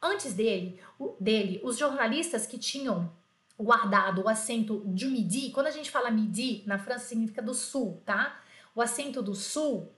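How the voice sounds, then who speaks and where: Brazilian woman, French teacher, lively, chatty, translates line by line, slightly high voice, roomy echo. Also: moderate pace. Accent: Brazilian Portuguese. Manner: reads French aloud, then translates it; lively, chatty asides to students. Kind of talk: online lesson reading a text on screen.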